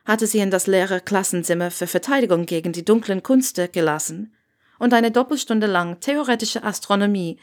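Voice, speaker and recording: A woman reading a fan fiction story aloud in a steady, expressive way. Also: medium pitch. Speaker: audiobook reader.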